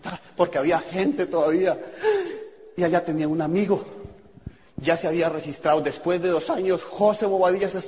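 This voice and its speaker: A man with a high voice tells a story to a seminar crowd, acting out both sides of conversations and breaking into laughter. He is recorded in a reverberant auditorium over a thin, phone-like channel. A faint hiss sits under the sound. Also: brisk. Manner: animated, acts out dialogue, laughs often. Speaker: speaker at a business seminar. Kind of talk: storytelling talk to an audience. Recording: echoey hall over a tinny, noisy line.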